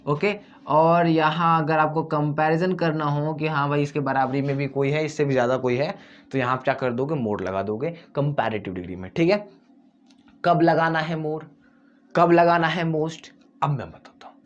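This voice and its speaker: A man's voice: a little high, fairly even intonation. Man teaching with lo-fi sound. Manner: repetitive, asks and answers his own questions, drawls words out slowly to show syllables. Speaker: English grammar teacher. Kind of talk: explaining grammar to students.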